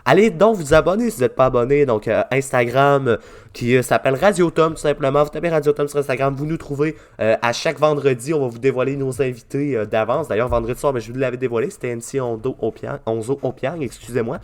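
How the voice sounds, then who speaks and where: A Québécois man hosting a small radio show, chatting in a loose, rambling way. He fills his talk with hesitations and restarts, and his voice sits at an everyday middle pitch. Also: fast. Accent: Québécois French. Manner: chatty, with many fillers and restarts. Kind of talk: casual radio talk and interview.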